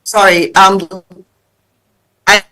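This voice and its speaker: A woman on a remote conference panel call, her voice halting and cut off as the connection breaks up. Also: medium pitch, little pitch movement, sharp tone. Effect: call dropping out, breaking up. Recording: distant, choppy call audio.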